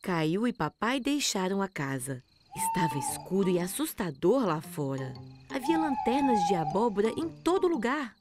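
A woman narrates a children's cartoon story from a script. Her middle-pitched voice is animated, with clear music behind it. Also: normal speed.

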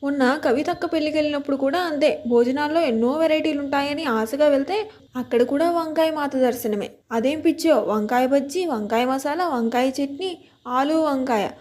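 High-voiced woman storyteller. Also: normal speed. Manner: lively, expressive. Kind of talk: first-person story reading.

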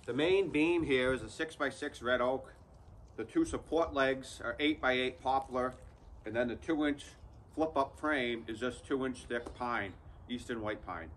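This man in his thirties hosts a channel and talks his audience through a hands-on build, casual and direct, in a how-to vlog. He's outdoors under an open sawmill shed in the woods, his medium-pitched voice fairly bright with a bit of hiss or hum.

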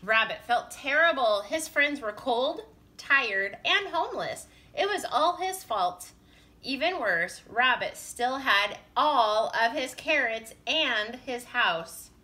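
Gentle preschool teacher reading a storybook. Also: female voice, fairly high pitch, slow. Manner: gentle, expressive, with chatty asides. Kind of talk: reading a picture book aloud to children.

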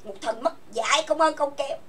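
A woman hosts an online voice chat and scolds in a furious, cursing rant. Her voice sits high and sharp in pitch. She sounds set back from the microphone, as if speaking across the room to her computer. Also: normal speed, far from the mic. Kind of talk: angry rant. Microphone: computer voice chat mic.

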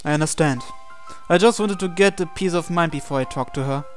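A young man hosts a reading of a visual novel, voicing both narration and dialogue. His voice is slightly high and his pace a bit quick. The game's background music plays behind him.

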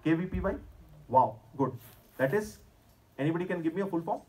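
Higher-pitched Indian man giving a lecture. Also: expressive, brisk, darkish tone. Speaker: presenter at a school career seminar. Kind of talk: lecture to students with slides. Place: school hall stage, indoors at a podium.

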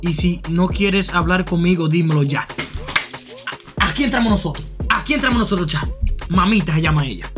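A young man with a Dominican accent, live-streaming and reacting to chat messages, repeating phrases and jumping into high shouts. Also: over music. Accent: Dominican Spanish. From Dominican Republic. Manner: excitable, jumps to high shouts and back; repeats phrases in quick bursts.

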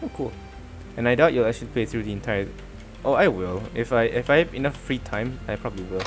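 A man's voice: medium pitch, fast talker, faint music behind. A man streaming a video game, chatting casually in a rambling way, stammering and laughing often. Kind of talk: casual let's-play chat.

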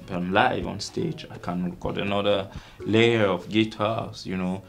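A young man from Cameroon answers interview questions in a very low, gravelly voice. He halts often, restarting his sentences and filling the gaps with ums. Faint music plays under his words. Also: fairly even intonation. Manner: halting, many fillers and restarts. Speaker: musician guest.

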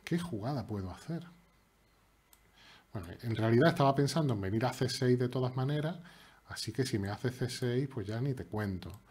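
A man commentates his own live chess game, his slightly husky voice swinging widely in pitch as he jokes. He teases his opponent and chats to his viewers in a playful, animated way. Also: moderate pace. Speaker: chess streamer. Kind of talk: live commentary while playing online chess.

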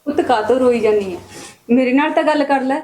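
A woman's voice: high-pitched, fast, a little mellow, lightly acted. A woman playing a mother comforting her crying daughter and criticizing the match. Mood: consoling. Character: consoling mother doubting the match.

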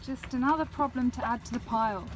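Young Australian woman, high bright voice, chatty and giggly, selfie-cam vlog with heavy wind noise. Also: fast talker. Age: young adult. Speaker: sailing vlogger. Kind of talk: casual vlog chat. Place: outdoors on a sailboat and streets. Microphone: camera held at arm's length. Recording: loud wind and outdoor noise.

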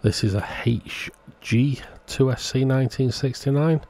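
A man with a medium-pitched, slightly slow and somewhat mellow voice narrates a hands-on repair step by step. He hosts a radio repair channel, and his voice-over is informal and matter-of-fact, though it sounds scripted.

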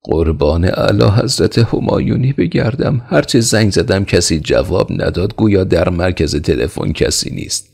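A man's voice: deep voice, gravelly, darkish tone, slightly rough, voice pushed up, heavily acted. A man voicing a terrified palace telephone chief who stammers, trembles and grovels before his king. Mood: pleading.

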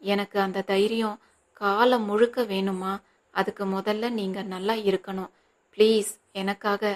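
A woman's voice: medium pitch, flat delivery, a little slow, darkish tone, natural voice. A woman reading the part of an anxious grown son who pleads earnestly and firmly with his mother, in an audiobook. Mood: pleading.

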